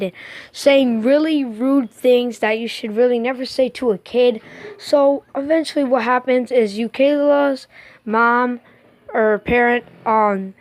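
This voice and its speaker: A woman's voice: a little high, dry recording. A woman hosting a casual countdown, rambling with restarts and indignant remarks. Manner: rambling, with frequent restarts and filler likes; indignant commentary. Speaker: host.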